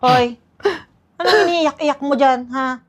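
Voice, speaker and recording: A woman's voice: high voice, unhurried. A woman acting as a strict, nagging mother who lectures and scolds her daughter sarcastically in a comedy skit. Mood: scolding.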